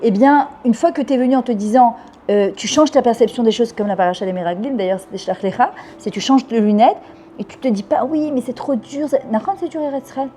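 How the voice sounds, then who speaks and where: A woman's voice: fairly high pitch, a little fast, mellow, a little hiss or hum. A woman of about fifty from France, talking fervently and at length in an interview, dropping in Hebrew words. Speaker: interviewee, French immigrant. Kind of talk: casual interview talk.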